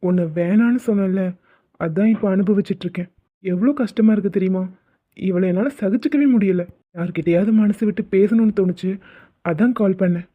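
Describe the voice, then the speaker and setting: A woman voicing an exasperated young husband in an animated comedy, teasing and pleading with his wife. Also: medium pitch, a little fast, dry recording, natural voice. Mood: coaxing. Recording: tinny phone-like sound.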